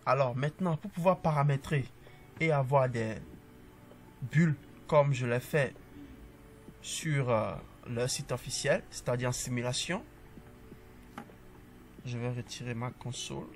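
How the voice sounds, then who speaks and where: A man giving a casual coding tutorial, calmly talking through each step as he types and tossing in upbeat asides to the viewer. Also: medium pitch, unhurried, pauses often, faint music behind.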